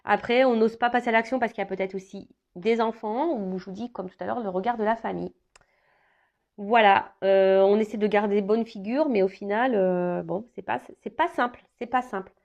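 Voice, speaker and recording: A woman's voice: mid-range voice, normal speed, gravelly, darkish tone. A woman doing a casual tarot reading for her viewers, talking hesitantly with many fillers and restarts. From France. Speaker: tarot reader.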